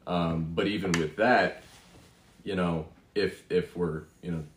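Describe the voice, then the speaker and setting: A man's voice: low voice, steady tone, unhurried, slight background noise. A young man co-hosting a faith podcast, talking reflectively with lots of fillers. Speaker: podcast co-host. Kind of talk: casual faith chat. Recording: roomy echo.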